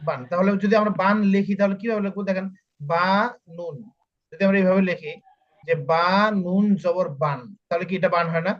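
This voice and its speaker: Over muffled, dull online call audio, a man with a fairly high voice leads a Quran reading lesson, spelling out letters one by one. His delivery is flat as he slowly and patiently repeats each sound for the students.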